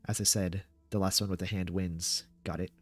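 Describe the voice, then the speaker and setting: A man's voice: low-pitched, flat delivery, moderate pace, fairly bright tone, no room sound, soft background music. A man voicing a self-assured male card dealer with a terse, instructive manner in a horror story.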